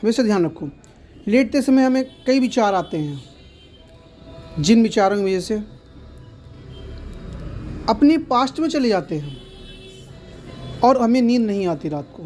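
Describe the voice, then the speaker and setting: A man's voice: sits high, sing-song, measured pace, pauses often, a little mellow, faint music behind. A man teaching meditation in an earnest, explanatory way, often repeating himself. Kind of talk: instructional talk to camera.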